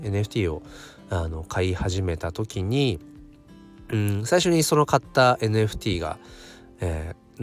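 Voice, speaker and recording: A man with a hoarse voice hosts a casual solo audio channel, thinking aloud in a hesitant way. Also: deep voice. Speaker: host of a daily audio channel.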